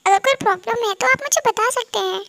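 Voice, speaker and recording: A woman's voice: extremely high pitch, brisk, gravelly, fairly bright tone, no room sound, exaggerated voice. A woman voicing an anxious, sensitive young son who pleads and frets in a fan-dub audio drama. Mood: pleading. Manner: pleading, worried, fretful questioning.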